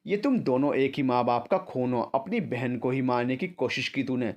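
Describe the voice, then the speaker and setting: Male narrator doing an angry young hero, mid-pitched and accusing. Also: expressive, moderate pace, muffled recording, lightly acted. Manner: shouting accusations. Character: angry young man confronting his enemy.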